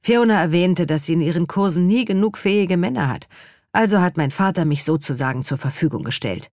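A woman voicing a cheerful, teasing young man with a lively questioning tone, in an audiobook reading. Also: on the low side, brisk, dry recording, studio quality.

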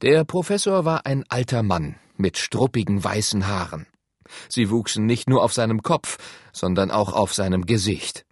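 A male audiobook narrator reads a scripted story in an expressive, husky voice. His pitch sits fairly low and his pace is moderate. The recording is dry and of studio quality.

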